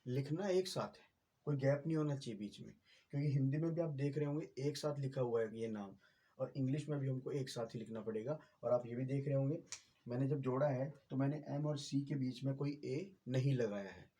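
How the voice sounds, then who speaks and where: A man's voice: mid-range voice, brisk, dark tone, breathy edge. A man, patiently explaining a writing lesson as a teacher, with many fillers and repeated checks.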